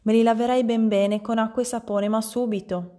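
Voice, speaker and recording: Una donna che legge ad alta voce e fa una bambina furba che parla con calma. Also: female voice, on the high side, fairly quick, lightly acted. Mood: sly. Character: calm clever little girl.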